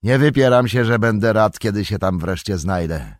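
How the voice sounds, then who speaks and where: A man voicing a gruff, talkative middle-aged hobbit farmer who speaks loudly and bluntly in a raised voice. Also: lowish voice, lively intonation, normal speed, no room sound, clean studio sound, voice pushed up, lightly acted. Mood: homely. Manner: loud, blunt, homely and talkative.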